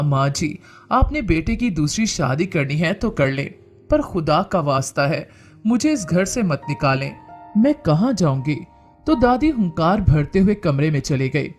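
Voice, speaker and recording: Man narrating a dramatic story over music. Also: fairly high pitch. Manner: dramatic, reads all the characters' lines in his own voice.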